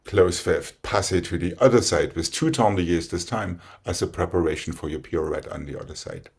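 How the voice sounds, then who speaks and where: A man's voice: low-pitched, a little fast, creaky, darkish tone, breathy edge. A man teaching ballet, directing firmly and calling out combinations step by step in short rhythmic phrases. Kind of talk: dance instruction, calling out combinations.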